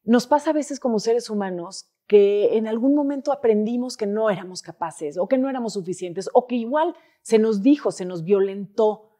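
A woman's voice: fairly high pitch, expressive, moderate pace, mellow. A woman with a Mexican Spanish accent hosting an interview, speaking reflectively and searching for words. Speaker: interview host. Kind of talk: conversational interview.

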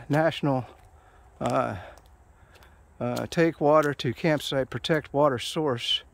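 A middle-aged hiking vlogger with a slightly high voice gives casual commentary while walking a forest trail outdoors, filming on a handheld phone camera. He rambles, pokes fun at himself, and uses many fillers.

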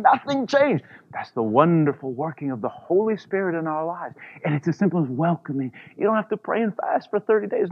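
Pastor preaching conversationally, lo-fi. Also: male voice, high-pitched. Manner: warm, conversational preaching with frequent "you know" asides. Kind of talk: sermon.

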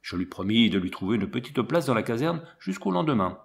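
A man reading a novel aloud in first person, with a lively, expressive delivery. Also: mid-range voice, a little fast, vocal fry. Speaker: audiobook reader. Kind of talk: first-person storybook narration.

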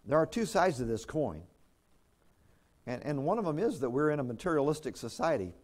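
A man's voice: a little high, big pitch swings, brisk, a little mellow. A man preaching a sermon as pastor, in a conversational way with chuckles and restarts.

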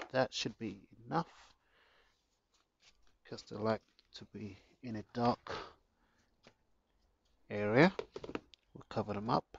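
A man giving a casual how-to narration in his garden, relaxed and chatty with jokey asides, recorded on a handheld phone. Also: medium pitch, muffled recording. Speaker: gardening vlogger. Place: home garden, outdoors.

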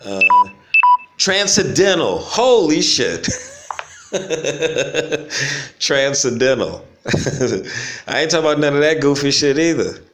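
A laid-back vlogger at his home in the Caribbean thinks aloud to his viewers in a casual, stream-of-consciousness monologue, his talk loose and full of slang. He drifts reflectively from point to point, breaking into easy chuckles now and then. His pitch sits in an ordinary middle range for a man.

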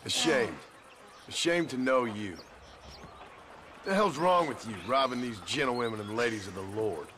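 Tough cowboy, calm and dry, mid-pitch, faint noise behind. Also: male voice, moderate pace, long pauses. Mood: stern. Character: tough dry-witted male gunslinger. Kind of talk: video game cutscene acting.

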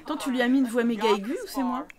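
A woman's voice: fairly high pitch, racing, crowd noise. A woman chatting casually as she streams a life-sim game, teasing the characters and talking to them.

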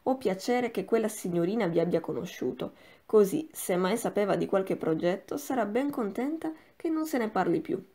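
A woman's voice: medium pitch, expressive, moderate pace, warm tone, close to an everyday voice. A woman voicing an imperious old grandmother, a marchioness who speaks in a sleepy, placid but commanding way, for an audiobook. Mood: cold, placid.

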